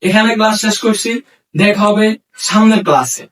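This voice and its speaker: Male language teacher, high voice, sits back from the mic, patient step-by-step explainer. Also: normal speed, fairly bright tone, distant mic. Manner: explains step by step, asks and answers his own questions. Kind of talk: classroom lesson.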